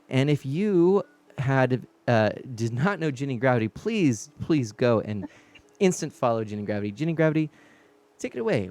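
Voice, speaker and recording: A man's voice: on the high side, a little mellow. A man hosting a game stream, chatting casually and laughing often, a little out of breath and recovering from being sick. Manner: laughing, chatty, rambling sign-off. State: slightly out of breath, recovering from sickness. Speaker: streamer host.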